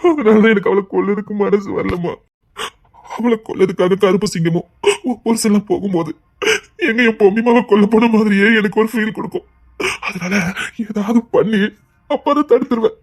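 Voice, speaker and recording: A man's voice: high-pitched, darkish tone. An actor playing a grieving widowed father who is lonely and full of guilt, tearful and lamenting in a brokenly spoken TV serial scene. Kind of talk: TV serial acting.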